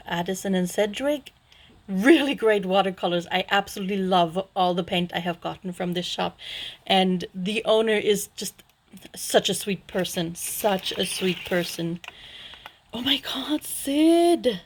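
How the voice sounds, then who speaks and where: A woman in a casual unboxing vlog, excited and gasping with delight, sometimes dropping to a hushed whisper. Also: medium pitch, a little hiss or hum, poor audio. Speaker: vlogger unboxing a package.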